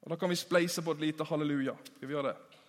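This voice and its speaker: A man delivers a sermon with a fairly high voice. His delivery is emphatic, swinging between ringing calls and hushed asides. The sound carries a long reverb from a large church hall. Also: fairly even intonation. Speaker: preacher.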